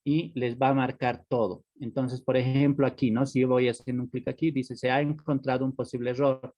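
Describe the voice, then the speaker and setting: A man with a darkish, mid-range voice and flat delivery teaches online a little fast, with no echo. Patiently explaining and repeating words, he follows nearly each phrase with "¿no?" or "¿sí?"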